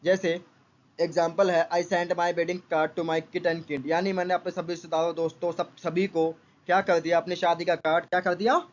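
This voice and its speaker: A man teaching English vocabulary and idioms to exam aspirants, explaining slowly with many fillers and repeated checks. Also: fairly high pitch, little pitch movement. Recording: dull lo-fi recording.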